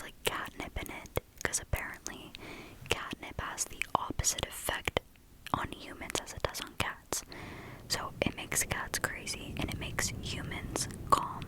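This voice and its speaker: A woman host doing a calm, casual ASMR ramble in a soft, breathy whisper, close to the microphone. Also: low-quality recording.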